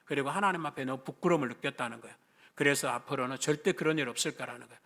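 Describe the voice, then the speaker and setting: A middle-aged man preaching a sermon as a pastor, telling a personal story in an animated way and acting out the voices of the people in it. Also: mid-range voice, very fast. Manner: animated, acts out quoted voices, rises to near-shouting at climaxes.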